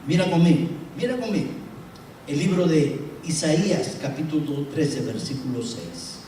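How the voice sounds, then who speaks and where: Dramatic high-voiced preacher man in an echoey church. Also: lively intonation, a little slow, slight background noise. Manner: dramatic, rhetorical questions, swings between loud and soft. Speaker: pastor. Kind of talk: sermon. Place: church sanctuary. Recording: echoey church room from far off.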